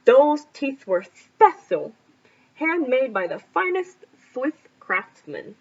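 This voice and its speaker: Woman putting on a toothless grumpy old grandpa, mumbly speech, swooping pitch, lo-fi sound. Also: very animated, slow, heavily acted. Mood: indignant. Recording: lo-fi recording.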